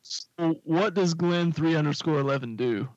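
A man's voice: on the high side, moderate pace, dry recording, muffled recording. A man casually telling a long, rambling anecdote on a talk show, full of fillers and asides. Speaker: podcast co-host telling a story. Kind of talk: casual storytelling chat.

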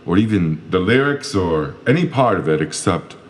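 A man's voice: sits low, big pitch swings, moderate pace. A man voicing a drunk, gloomy private investigator who rambles in a befuddled, self-pitying way in a comedic audio drama. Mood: flustered.

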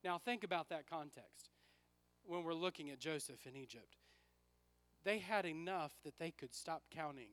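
A man preaching a sermon with personal stories as a pastor, his raspy voice worn from use, repeating phrases for emphasis. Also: fairly high pitch, moderate pace, fairly bright tone.

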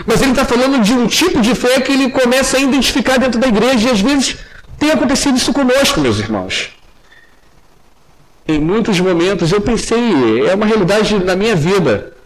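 A young man preaching a sermon earnestly, dropping low and soft when he addresses the congregation. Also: slight background noise, poor audio.

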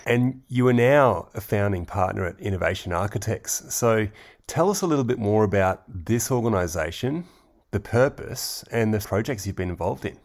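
A man's voice: fairly low pitch, expressive, normal speed, darkish tone. A man hosting a podcast interview, friendly and encouraging, with short nods of agreement. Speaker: podcast host.

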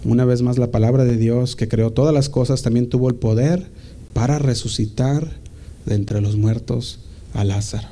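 A man delivers a sermon in a deep, very dark and mellow voice of middling pitch. He reads scripture with rising emphasis, then talks freely with casual restarts. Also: fairly even intonation, moderate pace. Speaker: preacher. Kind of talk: sermon reading and explaining scripture.

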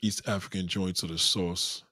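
Husky-voiced New man ranting. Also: low-pitched, moderate pace, no room sound, studio quality. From New York. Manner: blunt, profane, animated street talk. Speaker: streamer reading viewer comments. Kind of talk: casual live-stream rant.

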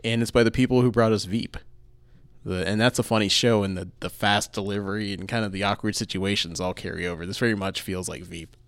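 Male podcast co-host, low voice, dry close sound, relaxed film chat. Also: a little fast, clean tone, no room sound. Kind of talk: casual film review chat.

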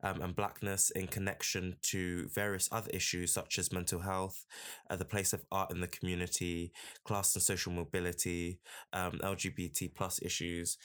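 A man's voice: low voice, flat delivery, normal speed, fairly bright tone. A man presenting a podcast in a conversational, reflective and somewhat hesitant way. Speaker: podcast host.

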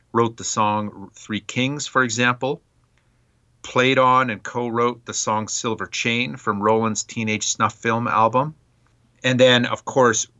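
A man's voice: lowish voice, bright, forceful tone, no room sound, muffled recording. A man co-hosting a podcast, introducing a guest with enthusiastic background on her releases. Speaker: podcast co-host.

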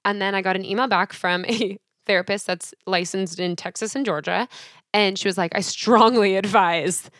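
A woman's voice: medium pitch, steady tone, brisk, a bit bright, no echo, clean studio sound. A woman co-hosting a podcast, telling a story in casual chat with lots of fillers. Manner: chatty storytelling, many fillers. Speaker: podcast co-host.

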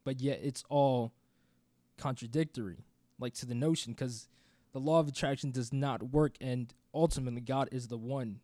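A man at a middle pitch, talking through ideas on a podcast in a steady, reflective way. The sound is dry and close. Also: normal speed, no room sound. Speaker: podcast co-host. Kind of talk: casual discussion.

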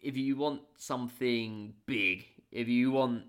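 A man's voice: medium pitch, fairly even intonation, slow pace. A man, co-hosting a podcast and casually brainstorming a fantasy story, rambling with lots of fillers. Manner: rambling, many fillers and restarts. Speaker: podcast co-host. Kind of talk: casual worldbuilding chat.

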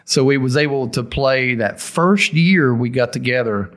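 A man's voice: medium pitch, unhurried, fairly bright tone. A middle-aged man with a thick Southern US accent, telling stories casually in an interview in informal, folksy language. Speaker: interview guest, heavy metal singer.

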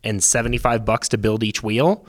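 Deep-voiced man explaining methodically. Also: steady tone, normal speed. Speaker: podcast co-host. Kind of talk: casual podcast chat.

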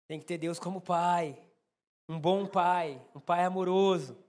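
A pastor with a Brazilian Portuguese accent preaches to his congregation in a very high voice for a man. He tells a personal story with humor and speaks straight to the listeners. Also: darkish tone. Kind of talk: sermon.

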